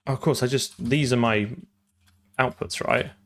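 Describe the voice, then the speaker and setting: A man's voice: mid-range voice, fairly even intonation, a little slow, a bit bright. A man live-streaming his programming, talking through code and answering chat, often trailing off and repeating words.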